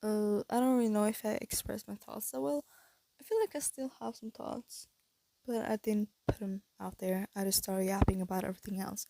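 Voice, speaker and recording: Talking through retainers that give her a slight lisp, a teenage girl vlogs casually into a close phone mic, breathy and stuffy-nosed. She thinks aloud hesitantly, full of fillers and restarts. Her mid-range voice is warm with fairly even intonation, at a normal speed and with no room sound.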